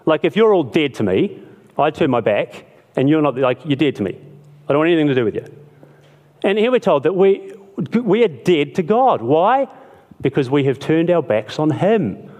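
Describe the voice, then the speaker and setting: A man preaching a sermon in a relaxed, conversational way, telling a story and acting out short bits of dialogue. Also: fairly high pitch. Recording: long hall reverb.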